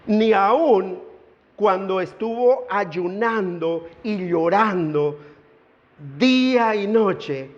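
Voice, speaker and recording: A man with a high voice preaches earnestly from the pulpit, stretching out words for emphasis. His voice rings through a large church space with a long echo. The recording sounds dull and lo-fi. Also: extremely slow. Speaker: pastor. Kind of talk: sermon. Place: church sanctuary.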